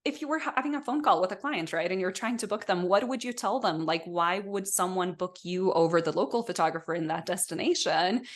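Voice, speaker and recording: A woman's voice: lowish voice, lively intonation, a little fast, hardly any pauses. A woman in her thirties from Norway, a photographer guest talking casually on a podcast with lots of "like" and "you know". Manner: chatty, many fillers like "like" and "you know".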